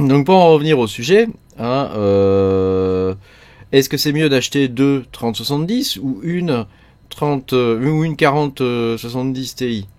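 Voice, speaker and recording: A man's voice: medium pitch, animated, unhurried, darkish tone. A man from France hosts a mining channel, explaining things in casual, rambling talk full of fillers. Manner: rambling, many fillers like euh, hein, quoi. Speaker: crypto mining channel host.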